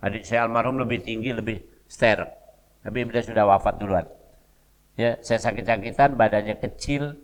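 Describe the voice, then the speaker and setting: An older man with a Palembang Malay accent gives a Sunday mosque lecture, mid-pitched and chatty, slipping into local dialect as he tells stories. His voice carries a long reverb from the mosque hall. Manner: conversational storytelling with local dialect asides. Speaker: preacher.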